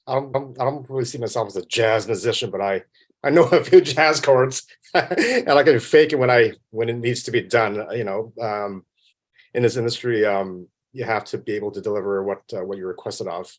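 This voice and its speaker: With a medium-pitched voice and a Canadian accent, this Vancouver film composer talks casually as an interview guest, his manner halting, modest and self-deprecating.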